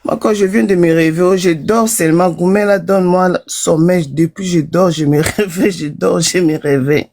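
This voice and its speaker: A woman's voice: on the low side, fairly even intonation, normal speed, hardly any pauses, a little mellow. A woman, calling in to a live stream and telling her story in a chatty way, laughing often. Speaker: caller. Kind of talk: call-in confession on a live stream.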